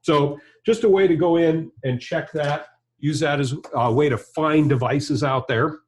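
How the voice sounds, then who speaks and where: With a slightly high, darkish voice that stays steady and a little slow, an American man in his fifties presents a hands-on product tutorial as a trainer. He explains in a plain-spoken, conversational way from an indoor studio or workshop with a backdrop and bench.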